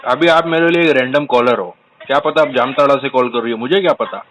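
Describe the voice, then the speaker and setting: A man's voice: mid-range voice, fast, a crowd in the background. A man with an Indian accent, a loan customer mocking and grilling a recovery agent on a phone call, sarcastic and insistent.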